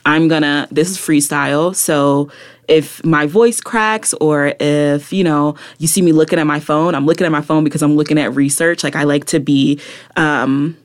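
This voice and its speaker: A young woman poet talking casually as an interview guest, relaxed and full of "like" and "kinda" fillers. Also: low-pitched, normal speed. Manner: relaxed, many fillers like "kinda" and "like", laughs easily. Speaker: guest, poet and social worker.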